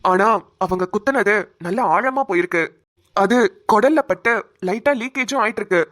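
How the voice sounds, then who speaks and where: A woman voicing a hospital doctor in a cartoon who calmly explains and soothes a worried relative. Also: mid-range voice, normal speed, close to an everyday voice. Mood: soothing. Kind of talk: cartoon voice acting.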